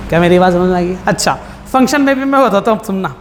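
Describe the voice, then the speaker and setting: In a casual classroom lecture, a male math teacher asks his students questions and answers them bluntly. His voice sits high and is expressive, with a quick pace. The recording has hall reverb and faint background noise.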